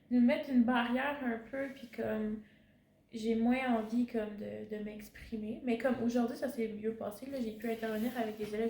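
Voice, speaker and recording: A woman's voice: fairly high pitch, gravelly, warm tone. A young woman with a Québécois accent, a student teacher chatting casually and hesitantly, often searching for her words. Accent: Québécois French. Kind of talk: casual reflective chat. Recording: roomy echo.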